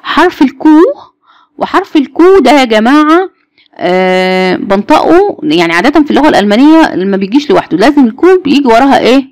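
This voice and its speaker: A woman's voice: high voice, very animated, fast, no room sound. A woman with an Egyptian Arabic accent teaching German letters to a class, patiently repeating each sound and asking the students questions. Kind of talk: Egyptian Arabic alphabet lesson.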